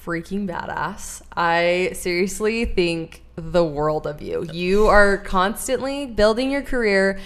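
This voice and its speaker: A woman's voice: mid-range voice, slow, few pauses. A young woman hosting a podcast in casual chat, bubbly and gushing, with lots of filler words. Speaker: podcast host.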